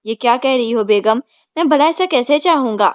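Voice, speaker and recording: A woman voicing a blustering older father, startled and gruff but quickly cowed by his wife. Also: very high voice, animated, no echo, studio quality. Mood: flustered. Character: blustering rich older father, easily flustered.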